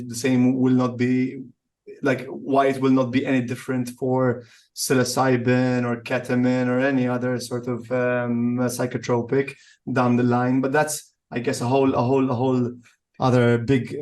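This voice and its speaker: Male interviewer. Medium pitch, fairly monotone, conversational, stumbles over repeated words while questioning. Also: normal speed. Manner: stammering repetitions while forming questions.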